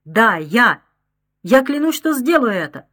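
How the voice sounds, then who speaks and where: A woman's voice: on the high side, big pitch swings, unhurried, fairly bright tone, pitched above the performer's own voice, exaggerated voice. A woman voicing a desperate middle-aged mother in an audiobook, crying out in anguish. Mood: furious.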